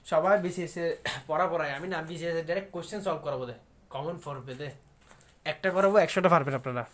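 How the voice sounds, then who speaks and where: A man's voice: on the high side, fast. A man teaching an online exam-prep lesson, emphatic and repetitive, often asking his viewers whether they follow.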